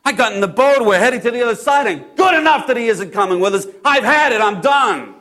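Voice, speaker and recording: A man playing an impulsive disciple in a first-person dramatic Bible monologue, halting and repeating his phrases as he swings between hushed and loud delivery. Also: very high voice, animated, heavily acted. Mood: angry, fed up. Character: Peter, impulsive male disciple recounting storms at sea.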